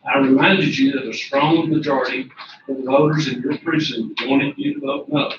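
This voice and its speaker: A man addressing a county court, reading a prepared letter aloud in a soft-spoken, formal way. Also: mid-range voice, fairly even intonation, normal speed. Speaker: public commenter at county court. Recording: echoey, distant, dull and noisy.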